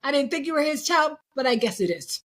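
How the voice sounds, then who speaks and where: A woman's voice: high voice, lively intonation, a little fast, fairly bright tone. A woman voicing an Italian mother who admits an old affair, in an attempted Italian accent and a flustered, defensive manner.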